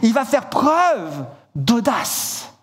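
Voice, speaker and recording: A man preaching a sermon in church, telling a story vividly and acting out the shouted lines, often repeating words and restarting. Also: extremely high pitch, very animated, extremely slow, husky.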